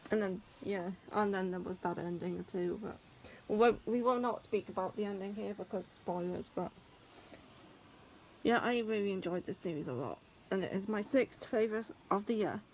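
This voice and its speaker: A woman's voice: medium pitch, normal speed, a little mellow, slight background noise, poor audio. Chatty woman rambling about manga. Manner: chatty, rambling, frequent "like" and "yeah". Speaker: manga reviewer. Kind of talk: casual video review.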